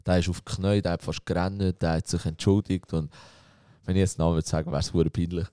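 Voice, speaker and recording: Guy telling a story to friends, low mellow voice, acts out the voices, dry room. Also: fast talker, smooth, dry recording. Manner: animated storytelling, acting out quoted voices. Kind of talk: casual anecdote.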